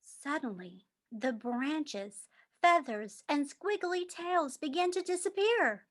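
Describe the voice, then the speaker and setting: A woman reading a children's storybook aloud in an expressive narrating style. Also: high voice, slow. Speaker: read-aloud reader.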